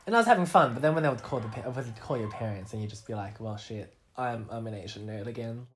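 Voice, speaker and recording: Being interviewed in a relaxed, conversational way, this young artist with an Australian accent pokes fun at himself and frequently performs snippets of dialogue. He talks quickly in a mid-range voice, with slight background noise.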